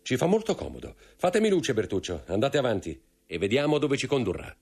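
A man's voice: mid-range voice, wildly swooping pitch, fairly quick, gravelly, a little mellow, breathy edge, voice pushed up, heavily acted. A man voicing a cold, imperious nobleman who gives orders with cool irony. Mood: commanding. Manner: commanding, coolly ironic. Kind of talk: audiobook character voice.

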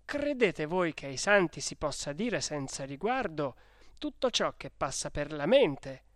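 A man voicing a fearful, fussy old village priest who scolds in anxious hushed tones. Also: on the high side, very animated, measured pace, dry recording, clean studio sound. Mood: scolding.

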